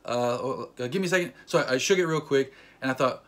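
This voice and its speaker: A young vlogger speaks playfully to his camera, joking readily as he tells a story and acting out little quotes along the way. His pitch is ordinary and mid-range, with a fairly bright tone.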